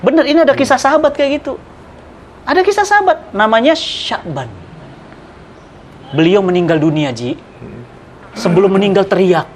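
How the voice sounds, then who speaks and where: A middle-aged man preaching in conversation, telling religious stories with dramatic swings in pitch and loudness and speaking straight to his listener. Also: expressive, moderate pace, pauses often, slight background noise. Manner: addresses listener directly, persuasive. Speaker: Islamic preacher. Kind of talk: animated religious storytelling in conversation.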